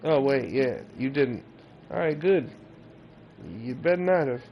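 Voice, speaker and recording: A man's voice: mid-range voice, measured pace, muffled recording, slight background noise. A man streaming a game, talking casually and slangily to viewers. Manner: laid-back, chatty, slangy. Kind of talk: casual gameplay commentary. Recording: voice over loud game music.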